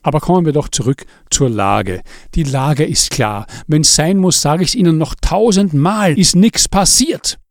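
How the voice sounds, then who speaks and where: A man reading an audiobook, voicing a female village police officer who speaks in a measured, patient and firm way. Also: fairly high pitch, animated, dry recording, clean studio sound, pitched above the performer's own voice.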